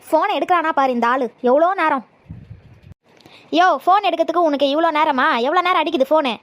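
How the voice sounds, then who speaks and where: Woman doing a feisty young daughter-in-law, high voice, talks fast and sharp, dry sound. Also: dry recording, natural voice. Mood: bossy. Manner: scolding and sharp-tongued. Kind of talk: comedy skit acting.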